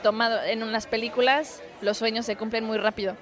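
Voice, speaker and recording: A woman's voice: on the high side, fairly even intonation, a little fast, fairly bright tone, some chatter behind. A woman, a musical theater actress telling a story in a casual interview, with lots of restarts and fillers. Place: outdoors in a city.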